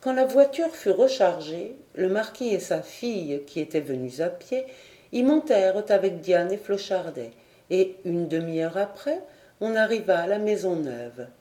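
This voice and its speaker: A woman reading a classic storybook aloud in a calm, measured narration. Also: fairly low pitch. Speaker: audiobook reader. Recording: roomy echo.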